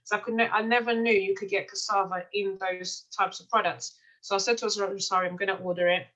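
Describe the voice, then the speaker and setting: In a casual testimonial interview between a life coach and a client, a bright, clear-voiced woman from Mozambique, a native Portuguese speaker, tells stories in a relaxed, chatty way. She often restarts sentences and fills pauses with "um" and "uh." Her pitch is mid-range and the sound lo-fi.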